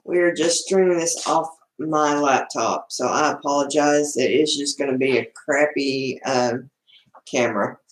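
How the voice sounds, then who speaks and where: A woman's voice: rumbling low, a little slow. A woman with a Southern US accent chatting casually and folksily as the host of a home livestream. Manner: folksy, informal. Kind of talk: casual live-stream chat, greeting viewers. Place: indoor room at home. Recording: echoey room, laptop livestream.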